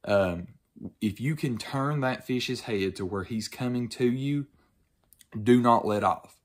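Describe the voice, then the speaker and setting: A young man talking casually to camera as a fishing channel host, relaxed and conversational with frequent fillers, recorded in a living room. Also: medium pitch, takes it slowly. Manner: relaxed, conversational, frequent ums and you-knows. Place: living room with couch, indoors.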